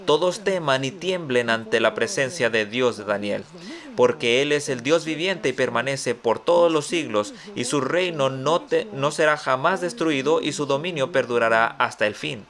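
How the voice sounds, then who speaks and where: A man's voice: mid-range voice, normal speed, fairly bright tone. A man preaching a sermon as pastor, reading scripture aloud and quizzing listeners with rhetorical questions. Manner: reads scripture aloud, then comments.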